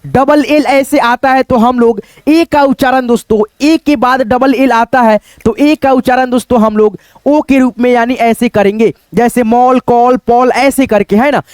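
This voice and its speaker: Teacher, male, very high voice, spells words out slowly, close dry mic. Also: steady tone, darkish tone, clean tone, no echo. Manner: spells words out letter by letter, keeps asking "दोस्तों". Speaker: English teacher. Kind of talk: spoken lesson.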